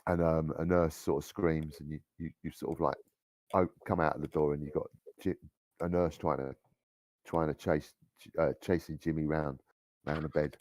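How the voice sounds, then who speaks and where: A man running a tabletop horror game as game master, talking in a halting way with many restarts. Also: a bass voice, steady tone, a little mellow, dry recording.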